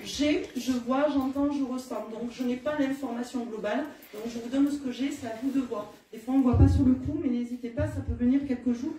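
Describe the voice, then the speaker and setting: A woman's voice: sits high, fairly even intonation, brisk, hardly any pauses, dark tone. A woman with a southern French accent, speaking as a medium to a live audience in a plain-spoken, informal way. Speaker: spirit medium. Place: indoor hall at a live-streamed event. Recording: echoey room, distant mic.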